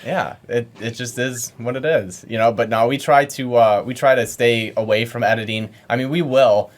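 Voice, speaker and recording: A man's voice: mid-range voice, steady tone, normal speed. A male podcast host chats casually with a noticeable lisp. He speaks out of the side of his mouth, peppering his sentences with "like.". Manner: says "like" a lot. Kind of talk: casual chat.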